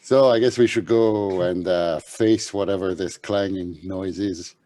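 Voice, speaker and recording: Lowish-voiced guy playing tabletop, chill matter-of-fact. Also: steady tone, measured pace, mellow. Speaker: player. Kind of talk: casual tabletop play chat.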